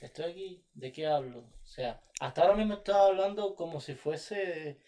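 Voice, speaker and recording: A man's voice: on the high side, moderate pace, mellow. A man hosting a casual podcast, teasing his partner in playful banter. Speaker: podcast host and producer. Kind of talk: casual couple chat.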